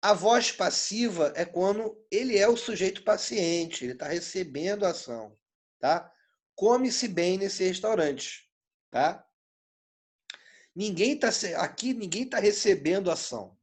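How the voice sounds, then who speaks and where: Brazilian man teaching, stretching words. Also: high voice. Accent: Brazilian Portuguese. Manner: energetic, drawn-out words for emphasis, constant "tá?" checks. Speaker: Portuguese teacher. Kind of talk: online exam-prep lesson.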